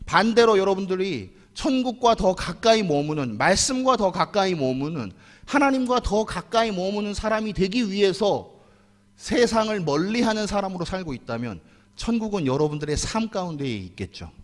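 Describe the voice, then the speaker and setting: A man's voice: high-pitched, big pitch swings, moderate pace. A man, the pastor, preaching a sermon in a church and addressing the congregation directly. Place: church sanctuary. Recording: long hall reverb.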